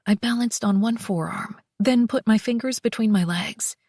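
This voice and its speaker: A woman narrating a first-person romance audiobook, soft and slow, with breathy whispered passages. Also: fairly high pitch, dry recording, clean studio sound.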